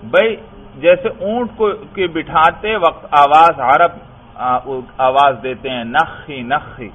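A man teaching Arabic grammar in Urdu. He reads Arabic phrases slowly, then explains them and keeps asking his listeners whether they have understood. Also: on the high side. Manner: keeps asking if it is understood, often says "brother". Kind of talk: classroom lesson explaining Arabic text. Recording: tinny phone-like recording with faint noise.

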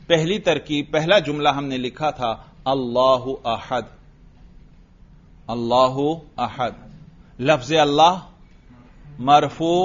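A man teaching Arabic grammar in a slow, patient way, quizzing students with repeated questions and drills. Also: a little high, muffled recording. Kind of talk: classroom grammar lesson with drills.

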